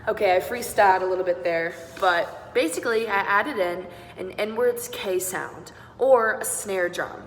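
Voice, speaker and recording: A woman's voice: mid-range voice, moderate pace, hardly any pauses. A young woman singing teacher giving an upbeat online beatboxing lesson, walking learners through each sound step by step. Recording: roomy echo with long reverb and faint noise.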